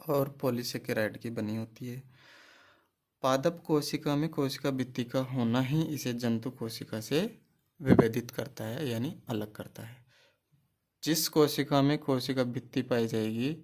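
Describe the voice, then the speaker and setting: Key terms are repeated often as a man, speaking in a medium-pitched and slightly mellow voice, leads a biology class for exam preparation. He asks questions and answers them himself.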